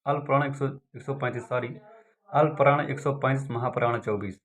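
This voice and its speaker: A man's voice: medium pitch, fairly even intonation, brisk, fairly bright tone. A man teaching an exam-prep lesson, repeating points and asking and answering his own questions. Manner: repetitive, drilling, asks and answers own questions.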